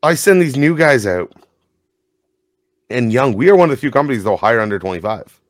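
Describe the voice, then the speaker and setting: Speaking briskly at a medium pitch, a man in his thirties, a tow operator, trades stories and frequent laughs as co-host of a casual podcast. The audio is studio quality with no echo.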